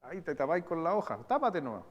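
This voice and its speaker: Chilean pastor preaching in a reverberant church. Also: male voice, on the high side, dull audio. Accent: Chilean Spanish. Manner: animated preaching, swinging from loud emphatic bursts to slow quiet stresses. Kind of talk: sermon. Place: church hall. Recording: long church-hall reverb.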